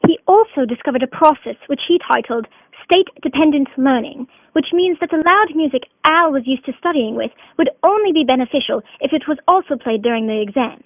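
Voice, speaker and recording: A woman's voice: high voice, lively intonation, a little fast, hardly any pauses, dry recording. A woman narrating a student mock documentary in a dramatic announcer tone. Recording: dry, tinny phone-like voice-over.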